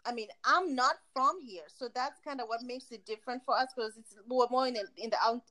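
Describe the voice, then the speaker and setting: Woman from Zimbabwe, somewhat high voice, animated and chatty, casual interview guest. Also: rough recording. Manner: animated, laughing, quick asides. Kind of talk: casual conversation.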